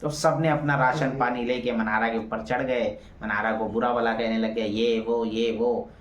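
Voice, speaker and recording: A man's voice: medium pitch, level tone, normal speed, dull audio. Opinionated man reviewing in a roomy space. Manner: opinionated, often says "theek hai" as filler. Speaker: reality show reviewer. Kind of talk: casual commentary. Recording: roomy with faint ambience.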